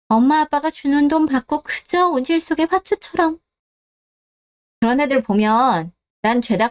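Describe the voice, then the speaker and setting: Woman doing a sneering teenage girl bully. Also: high-pitched. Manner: sneering, taunting.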